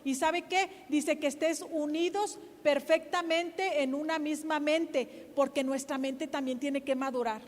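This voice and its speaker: A middle-aged woman pastor, preaching a sermon in a loud, emphatic, lively way. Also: sits high, measured pace, hardly any pauses, long reverb tail. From Mexico.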